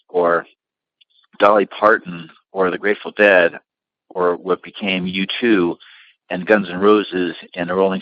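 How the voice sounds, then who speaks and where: Deep-voiced man telling rambling stories. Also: dry recording, dull audio. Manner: rambling anecdotes with many fillers. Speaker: limousine company founder, interview guest. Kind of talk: relaxed storytelling interview.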